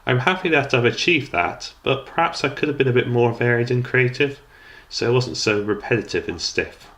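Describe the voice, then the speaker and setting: A young man, a student documentary maker, reads a scripted, reflective commentary in formal language, stumbling now and then. His voice is medium-pitched and a bit bright, at a moderate pace.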